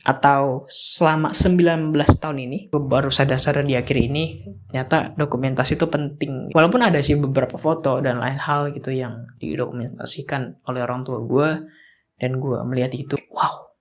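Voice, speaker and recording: A man's voice: medium pitch, steady tone, a little fast. A young man of twenty speaks in a reflective vlog monologue. He rambles earnestly and keeps reaching for filler words as he talks. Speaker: vlogger.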